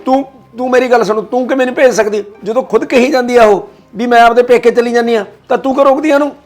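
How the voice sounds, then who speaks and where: A man playing a stern father-in-law who scolds gruffly. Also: very high voice, steady tone, fast talker, faint music behind. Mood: scolding. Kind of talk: family drama acting.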